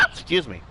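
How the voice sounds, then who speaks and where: A man's voice: bright, forceful tone, a little hiss or hum, rough recording. A middle-aged man streaming a farming game live, chatting and joking with viewers and laughing often. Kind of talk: live gameplay chat with viewers.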